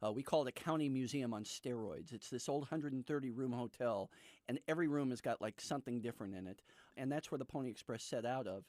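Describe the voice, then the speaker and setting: Male American author guest, medium pitch, emphatic conversational explainer, dry radio sound. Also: fast talker, a little mellow, no echo.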